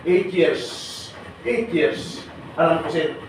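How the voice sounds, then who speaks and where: Speaking slowly and expressively in a fairly high voice, this man leads a live training seminar, bantering with trainees and regularly seeking their agreement. The training room echoes and has noise in the background.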